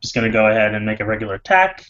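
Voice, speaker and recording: A man's voice: lowish voice, lively intonation, racing, fairly bright tone. Man, tabletop player, rambling, filler-heavy, muffled lo-fi. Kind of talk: casual tabletop play and narration.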